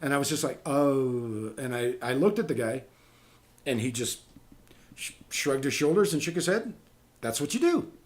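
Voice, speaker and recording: Speaking at an ordinary pace in a mid-range voice, this podcast host and voice actor chats casually on his talk show. He recounts voice-acting anecdotes with animated energy, acting out each quote.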